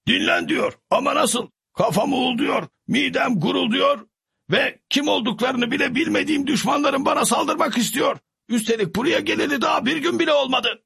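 A man voicing a nervous, fussy middle-aged squire in a storybook reading, high and fretful. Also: moderate pace, gravelly, sharp tone, exaggerated voice. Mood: panicked. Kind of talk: storybook character voice.

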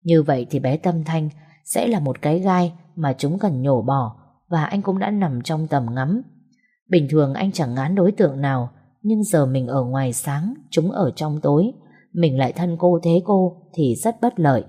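A woman narrating an audiobook novel in a steady storytelling manner. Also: low voice, normal speed, husky.

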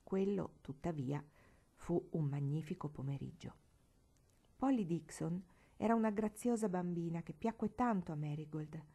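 A woman narrating a classic novel as an audiobook reader, in a measured, expressive reading. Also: lowish voice, breathy edge.

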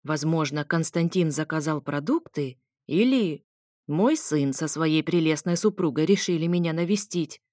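A woman voicing a haughty, imperious old grandmother in an audiobook, speaking slowly, coldly and commandingly. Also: low-pitched, expressive, a little mellow, no echo, clean studio sound. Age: older. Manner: slow, cold and commanding.

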